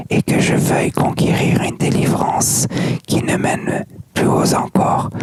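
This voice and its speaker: An ASMR reader whispering softly without voice, like in a library, reading a book aloud with asides. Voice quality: unvoiced soft whisper. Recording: very noisy whisper recording with mouth clicks.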